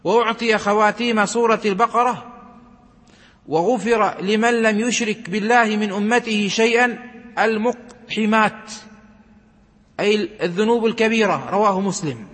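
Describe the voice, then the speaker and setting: A man reading religious narrations aloud and explaining them in a measured, recitative way, slowing down for emphasis. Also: sits high, fairly bright tone. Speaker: religious teacher. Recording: long hall reverb.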